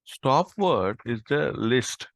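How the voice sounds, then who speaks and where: A man's voice: mid-range voice, animated, slow, creaky, no echo. A man teaching a live coding tutorial over an online call, explaining step by step with frequent "okay" and "right?". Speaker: instructor.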